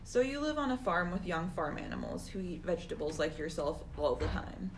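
A woman's voice: fairly low pitch, sing-song, fairly quick, gravelly, background noise. A woman as interviewer in a scripted mock interview, reading her questions carefully.

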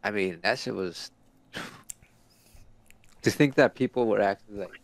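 Deep gravelly man, dry close sound. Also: no echo. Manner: relaxed, joking, quick to correct. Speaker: podcast co-host. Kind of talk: casual chat.

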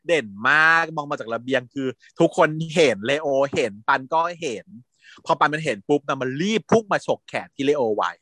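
A man casually recapping a TV drama as a podcast host, animated, laughing often and acting out lines. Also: on the high side, brisk, dry recording, clean studio sound.

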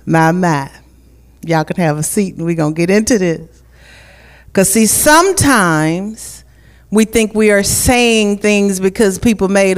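A woman preaching as a guest speaker in a church at a pulpit microphone, praying and leading call-and-response, repeating key phrases for emphasis. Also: mid-range voice. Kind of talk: church sermon with prayer. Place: church sanctuary.

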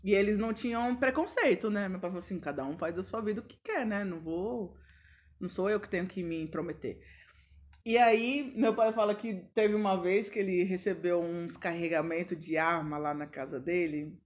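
A woman's voice: on the low side, normal speed. A woman co-hosting a podcast, telling stories casually and acting out the people in them. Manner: animated, acts out shouted quotes. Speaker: podcast co-host. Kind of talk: casual storytelling chat. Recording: dull lo-fi sound.

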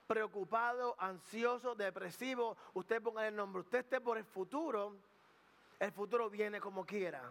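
High-voiced man preaching in a reverberant hall. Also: a bit bright. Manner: conversational preaching with jokes and asides; slips in English words. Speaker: pastor. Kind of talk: sermon.

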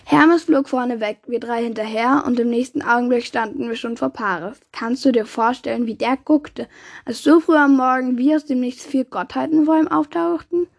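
A woman's voice: high voice, normal speed, creaky. A woman reading a children's book aloud, giving the characters' quoted lines their own voices. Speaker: reader.

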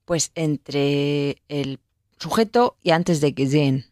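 Lower-voiced woman student answering drills. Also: darkish tone, no echo, clean studio sound. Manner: quick, responsive, short affirmations.

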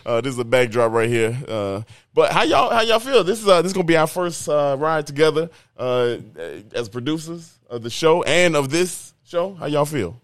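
Guy hosting a podcast at a comedy club, loose slangy banter, bouncy pitch, dry close sound. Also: expressive, moderate pace, hardly any pauses, clear, resonant tone, no room sound. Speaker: podcast host. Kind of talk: casual chat.

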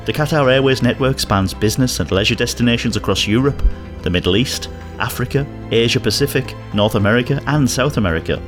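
A man hosting a podcast, narrating scripted commentary and personal anecdotes on his own. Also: on the low side. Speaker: podcast host.

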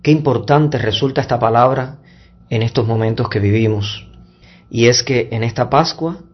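A man speaking as a priest at Mass, measured and deliberate, in solemn liturgical reading and preaching. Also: mid-range voice, slightly rough, muffled recording. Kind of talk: solemn Gospel reading and homily. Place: church Mass livestream.

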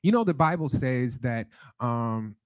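A man's voice: medium pitch, lively intonation, a little slow, clean tone, dry recording, poor audio. A man with a Detroit accent preaching a sermon, leading call-and-response and telling stories. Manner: sings prayer lines, then teaches with call-and-response and storytelling.

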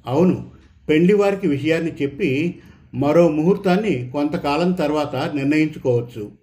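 A man voicing a kind, steady schoolteacher who gently reassures his friend in a read story. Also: on the high side, moderate pace, natural voice. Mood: reassuring.

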